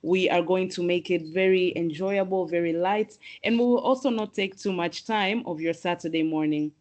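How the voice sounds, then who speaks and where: A woman from Tanzania hosts an online professional webinar, her voice a little low. She speaks in a measured, welcoming way, pausing with the odd "um". She sounds like she is on a computer mic during a video call. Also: darkish tone. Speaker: host and moderator. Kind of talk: formal webinar hosting.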